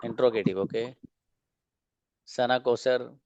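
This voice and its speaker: A man's voice: mid-range voice, fairly even intonation, darkish tone, no room sound, dull audio. Man teaching english online, dry sound. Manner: explains slowly, asks and answers own questions. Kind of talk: online class lecture.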